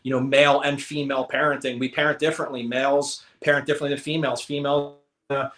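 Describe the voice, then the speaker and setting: An American man giving an emphatic, energetic motivational talk, repeating his points for emphasis. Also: medium pitch, fast talker, roomy sound. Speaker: motivational speaker. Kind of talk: live presentation talk.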